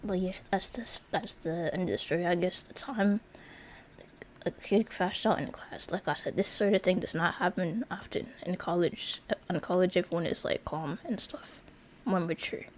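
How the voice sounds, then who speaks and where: Young adult female streamer, casual story time, lower-pitched voice, loose and rambling delivery. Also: moderate pace, darkish tone, a little hiss or hum. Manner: rambling, filler-heavy, many restarts.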